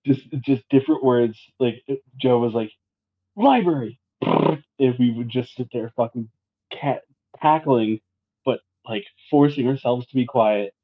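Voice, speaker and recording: A man's voice: medium pitch, steady tone, moderate pace. Male caller, casual storyteller, laughs often, lo-fi phone line. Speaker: podcast guest.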